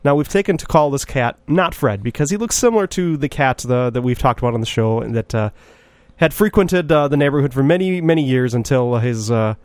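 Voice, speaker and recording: A man's voice: mid-range voice, brisk, dry recording. Podcast guy, laid back, lots of uhs, jokes around, dry sound. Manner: relaxed, joking, hesitant with many uhs. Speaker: podcast co-host. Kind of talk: casual storytelling chat.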